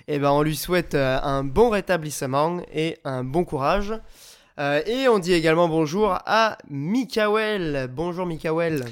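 A man with a head cold hosts a casual video game podcast, chatting off the cuff with music playing behind him. His voice is a little high, clear and resonant, though nasal and stuffed up, and he speaks at a measured pace.

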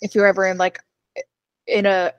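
A woman guesting on a casual podcast, her voice sitting at an ordinary middle pitch. She chats in a laid-back, easy way. The recording is dry and close. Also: completely flat delivery, moderate pace, clear, resonant tone, no room sound. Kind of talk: casual chat.

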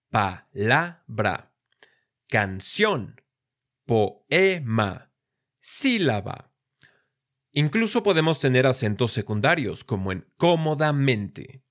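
A man explaining in a clear, steady voice at a middle pitch. He slows right down to pronounce words syllable by syllable, and now and then drops in a lightly humorous remark. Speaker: teacher. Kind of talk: scripted educational explanation.

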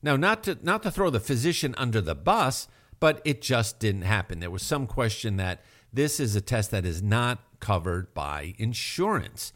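A man's voice: on the low side, very animated, normal speed, a bit bright. A male health show host explaining heart tests in an emphatic manner, asking rhetorical questions. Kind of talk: radio health talk.

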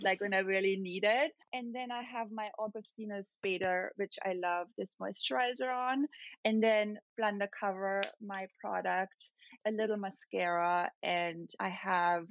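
A woman's voice: mid-range voice, no echo. Chatty Austrian-born woman, muffled dry audio. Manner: chatty, laughs often. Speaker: guest makeup artist. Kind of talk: casual podcast chat. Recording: dull dry remote mic sound.

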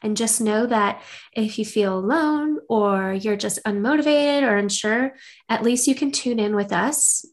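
A woman's voice: a little high, unhurried. A young woman co-hosting a podcast, talking in an earnest, upbeat, rambling way. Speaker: podcast co-host. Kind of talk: casual chat.

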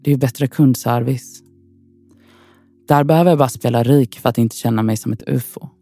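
A woman's voice: very deep voice, dark tone, slightly rough, dry recording, faint music behind. A woman from Sweden in a scripted inner monologue, wry, frustrated and profane as she talks to herself.

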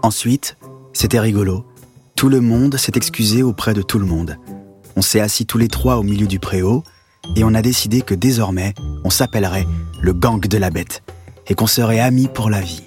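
A man narrating a children's audio story in the first person with calm, expressive scripted delivery. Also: on the low side, moderate pace, soft background music.

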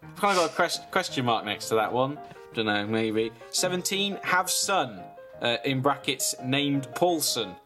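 A man, deadpan in a comedic casual chat as podcast co-host. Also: medium pitch, a little slow, music in the background. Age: 20s. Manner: deadpan, reading a list with asides.

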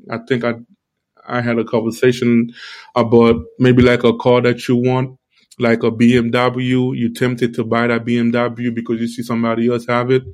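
A man giving an informal, halting devotional talk with a toothache, repeating phrases, his speech slightly altered by a sore mouth. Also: medium pitch, darkish tone. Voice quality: speech slightly altered by tongue-led articulation. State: toothache, talking around a sore tooth and gum. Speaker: live-stream preacher.

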